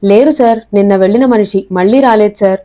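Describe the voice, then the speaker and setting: A woman's voice: mid-range voice, fast talker, mellow, close to an everyday voice. A woman reading the part of a polite young male servant in an audiobook. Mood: dutiful.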